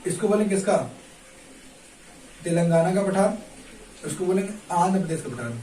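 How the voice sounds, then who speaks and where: In a casual map lesson, a man with a high-sitting, dark-toned voice and lively intonation asks his students questions over and over, then answers them himself at normal speed. The room is echoey, the mic distant, and there's faint noise.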